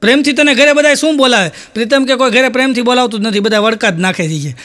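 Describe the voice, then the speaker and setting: A man with a Kathiawadi Gujarati accent telling stand-up jokes on stage as a folk comedian. He strings together quick anecdotes, tags quotes with repeated markers and keeps coming back to a catchphrase. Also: very high voice, fairly bright tone.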